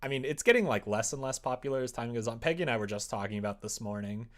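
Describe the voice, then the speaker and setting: A young adult streamer working on a visual novel chats casually with his audience from a desk indoors, sometimes murmuring to himself as he types before livening up to reply. He talks fast in a mid-range, fairly bright, expressive voice.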